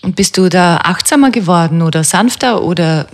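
A woman's voice: lowish voice, lively intonation, a little fast. A woman hosting a podcast, interviewing her guest with short, probing questions. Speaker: podcast host.

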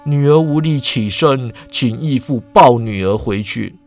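A man's voice: mid-range voice, measured pace, a little mellow, soft background music, pitched below the performer's own voice, lightly acted. A man voicing a loyal, stubborn young swordswoman who pleads earnestly and firmly. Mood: resigned.

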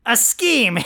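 A pompous, theatrical male supervillain , as a performer puts him on, lords it over his listeners with bombastic decrees and sneering insults. His voice is bright and cutting, and his temper flares easily. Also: medium pitch. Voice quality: bombastic, grandiose proclamations. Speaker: podcast host. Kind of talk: comic scripted podcast.

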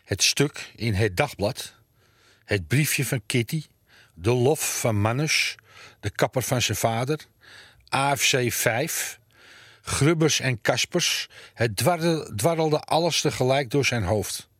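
A man reading a children's book aloud in a measured, even way, his voice sitting at an ordinary middle pitch. The recording is close and completely dry, with no room sound at all. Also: dry recording. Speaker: audiobook narrator. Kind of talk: scripted narration.

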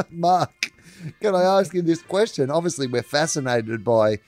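A man co-hosting a comedy sports podcast in casual, animated chat, swearing freely and laughing often. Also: fairly high pitch, a little slow, soft background music. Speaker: podcast co-host.

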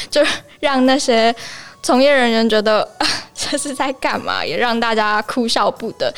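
A woman's voice: a little high, clear, resonant tone. A woman with a Taiwanese Mandarin accent hosting a casual language lesson on slang in a chatty, playful way. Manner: chatty, playful, acts out short examples. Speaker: podcast host and Japanese teacher.

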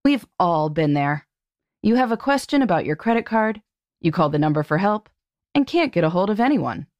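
A woman's voice: fairly low pitch, darkish tone, no room sound, clean studio sound. A woman announcer reading a scripted advertisement. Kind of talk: scripted ad read.

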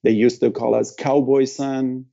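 A middle-aged man from Afghanistan recounts a personal story in an interview, speaking haltingly with broken phrasing and emotional pauses. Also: mid-range voice, level tone, creaky, mellow, highs cut off. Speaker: guest.

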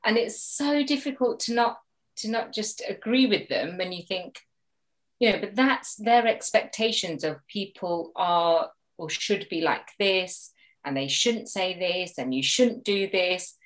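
A woman's voice: mid-range voice, expressive, a little slow. A woman mediator, a guest in a conversational interview, talking animatedly and acting out the voices she quotes.

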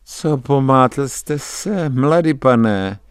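A man's voice: medium pitch, animated, clear, resonant tone, no echo, clean studio sound, pitched above the performer's own voice, close to an everyday voice. A man voicing a fawning, overly polite old male traveling wine salesman in a dramatic radio story reading.

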